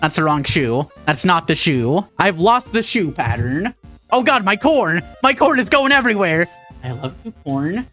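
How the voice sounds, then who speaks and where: Animated Minnesotan woman streaming. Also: fairly low pitch, normal speed, soft background music. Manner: irreverent, jokey, talks to chat while sewing. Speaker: VTuber streamer. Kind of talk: casual craft livestream chat.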